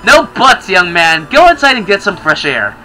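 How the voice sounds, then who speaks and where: A man's voice: high-pitched, sing-song, moderate pace, pushed and bright, exaggerated voice, poor audio. A man voicing a stern, scolding mother in a game scene.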